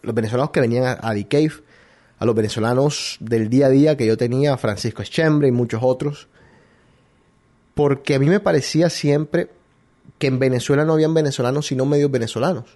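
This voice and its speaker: Brief: man from Colombia hosting a talk show, mid-pitched, rambling opinion monologue with hesitant restarts. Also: fairly quick, warm tone. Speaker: radio show host.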